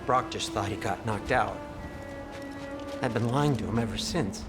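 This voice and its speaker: An actor playing an anxious, squeamish dwarf blacksmith in a video game, fretful, hesitant and expressive. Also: male voice, on the low side, measured pace, over music. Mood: confessional, guilty. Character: fussy, anxious male dwarf blacksmith, squeamish and guilt-ridden. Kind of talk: video game dramatic acting.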